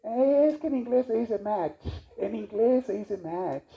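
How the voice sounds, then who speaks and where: A man's voice: high voice, animated, takes it slowly, creaky. A man giving a homily at Mass, chatty and joking, asking the congregation questions. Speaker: priest. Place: church. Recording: dull lo-fi recording.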